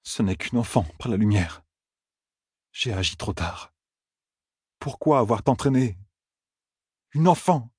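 Man doing strained young guy, desperate, a bit husky, higher than the narration. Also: lively intonation, measured pace, pauses often, no room sound, studio quality, exaggerated voice. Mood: grieving. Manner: desperate, strained, shouting at times. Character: distraught young man wielding great power.

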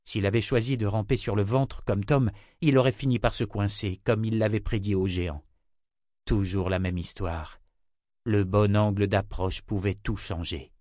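A man narrating an audiobook chapter in a measured, expressive reading. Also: lowish voice, dry recording, clean studio sound. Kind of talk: scripted narration.

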